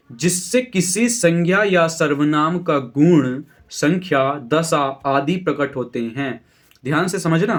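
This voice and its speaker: Male tutor, somewhat high voice, patient Hindi grammar lesson, slows for English examples, asks and answers himself. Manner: explains in Hindi with English terms, asks and answers own questions; repeats "ठीक है" as a check-in. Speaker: English teacher.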